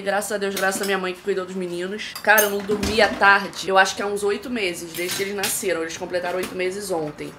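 A woman's voice: medium pitch, noisy background. Chatty woman vlogging in her kitchen. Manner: chatty, joking, self-mocking. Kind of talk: casual cooking vlog. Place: home kitchen. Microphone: phone held at arm's length.

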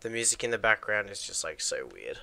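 A man chatting casually with a friend while playing a video game, teasing and quick with remarks. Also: lowish voice, sing-song, vocal fry, sharp tone, soft background music. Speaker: gamer. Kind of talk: casual gameplay chat.

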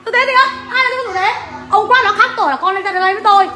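A woman, a mother at a temple, arguing back loudly and protesting to bystanders. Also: very high-pitched, racing. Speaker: worshipper, mother. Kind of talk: heated real-life argument. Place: large temple hall. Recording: echoey hall, faint crowd.

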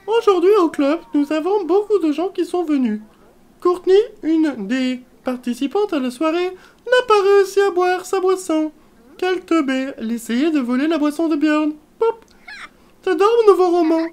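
Réceptionniste blasée et vulgaire, voix aiguë et chantante, jouée par une femme. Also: female voice, lively intonation, moderate pace, a little mellow. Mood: smug. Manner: high sing-song voice, swears offhandedly. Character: bored crude young woman club receptionist.

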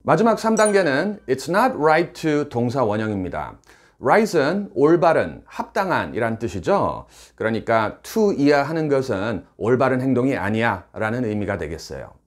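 A middle-aged man who teaches English, explaining phrases clearly and with emphasis in a scripted lesson. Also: medium pitch, big pitch swings, unhurried.

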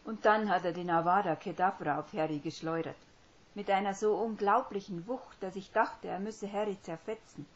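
A woman voicing an earnest, tearful young witch who speaks in an urgent, hushed and choked way. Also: mid-range voice, normal speed, pitched above the performer's own voice, natural voice. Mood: firm, fervent. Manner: earnest, by turns hushed and fervent. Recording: dull lo-fi recording.

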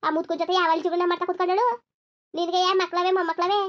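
A woman doing a shrill, defiant cartoon village bride. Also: flat delivery, dull audio. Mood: angry defiant. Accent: rural Karnataka Kannada. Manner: scolding, rapid-fire retorts. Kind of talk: cartoon voice acting.

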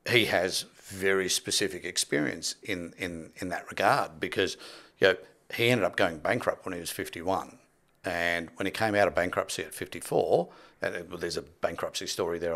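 This podcast guest, a property development expert in his sixties, has a deep, fairly bright voice. He tells stories in a conversational, emphatic manner, speaking into a close boom-arm studio microphone while wearing headphones in a small indoor studio.

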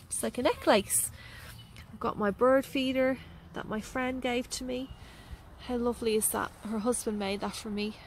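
A gardening vlogger with an Australian accent walks through her garden outdoors, chatty and enthusiastic, with frequent ums. Her voice leans high, and the low-quality handheld phone recording has a little hiss or hum.

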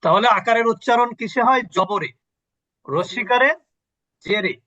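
A man's voice: sits high, expressive, moderate pace, pushed and bright, dry recording, highs cut off. A man teaching an online Quran recitation class on a video call, patiently quizzing his students and repeating sounds for them.

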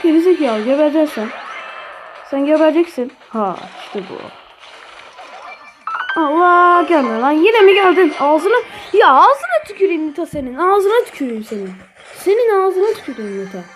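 High-voiced woman yelling at a game. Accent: Turkish. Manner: swears and shouts at opponents. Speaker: gaming channel host. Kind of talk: live gameplay commentary. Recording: faint game music behind.

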